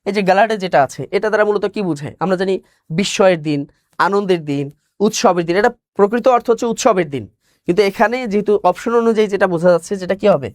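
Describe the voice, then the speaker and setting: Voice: medium pitch, fast, no room sound. Teacher, live online class, asks stuff then answers it, dry close mic. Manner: asks questions and answers them, repeats key words. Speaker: exam-prep teacher.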